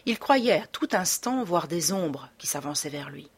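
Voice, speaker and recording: A woman reading a classic French adventure novel aloud in a measured, dramatic narration. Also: fairly low pitch, expressive, husky. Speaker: audiobook narrator. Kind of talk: scripted narration.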